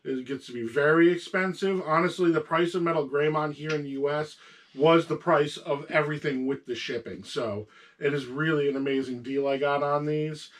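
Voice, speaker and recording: A man's voice: on the high side, fairly even intonation, moderate pace. A man with a sore throat hosting a casual show-and-tell about his toy collection, patiently talking along with a young co-host.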